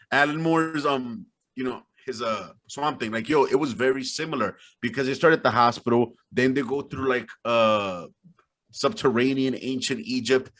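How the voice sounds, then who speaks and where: A man co-hosting a casual podcast over a video call, talking in animated slang with sudden exclamations. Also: mid-range voice, normal speed. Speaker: podcast co-host.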